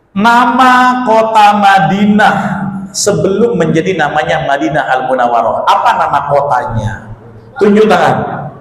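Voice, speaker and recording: A man's voice: high voice, fairly bright tone. A man preaching, running a joking quiz with the congregation and teasing and calling out to the crowd in a mosque hall. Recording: echoey hall, faint room ambience.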